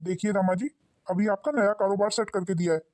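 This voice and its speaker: A woman's voice: mid-range voice, fast talker, a little mellow, lightly acted. A woman voicing a stern, wealthy older father-in-law in a cartoon, lecturing in a stern tone.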